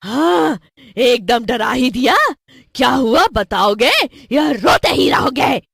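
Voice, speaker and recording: A woman voicing a bossy female witch villain in a cartoon story, shouting her lines. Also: a little high, expressive, slow pace, creaky, breathy edge, no room sound, studio quality, voice pushed up, heavily acted. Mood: irritated. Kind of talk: cartoon voice acting.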